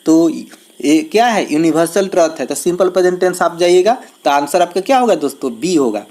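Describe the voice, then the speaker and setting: Man, english teacher, exam grammar lesson, step-by-step explanations, slow careful reading of example sentences. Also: on the high side, lively intonation, darkish tone. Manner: explains step by step, often addressing viewers as friends; reads English sentences slowly, then explains in Hindi.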